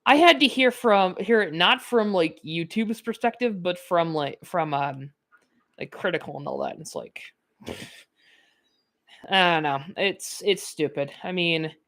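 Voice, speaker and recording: Here a gaming YouTuber, a woman of nineteen, meanders through let's-play commentary, sprinkling in "like" and laughing often. She speaks a little slowly in a lowish, fairly bright voice.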